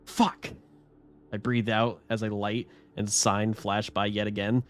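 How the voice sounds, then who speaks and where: Low voiced guy reading a scary story on stream, casual, keeps tripping over words. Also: little pitch movement, normal speed. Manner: casual reading with frequent stumbles and restarts.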